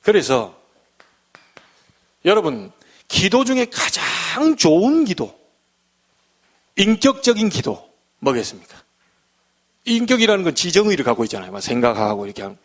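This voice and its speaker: A man delivers a church sermon, pitched a little high and full of animated rises and falls. He preaches in an easy, conversational way and keeps slipping into acted-out bits of everyday talk. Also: normal speed, pauses often. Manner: lively, conversational preaching, acting out little scenes. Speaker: pastor.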